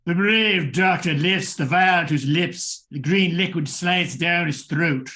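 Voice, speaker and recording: Hosting a radio thriller, a man narrates the script slowly and with theatrical drama. His voice is bright, forceful, and slightly high.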